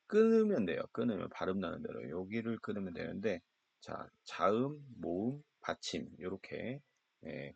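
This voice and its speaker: A man's voice: sits low, creaky, darkish tone, husky, dry recording. A man teaching beginner English pronunciation, patiently breaking words apart and repeating each one twice. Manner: patient, repeats each word twice, coaxing listeners to follow along. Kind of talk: beginner lesson, slow step-by-step explanation. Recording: dull, lo-fi sound.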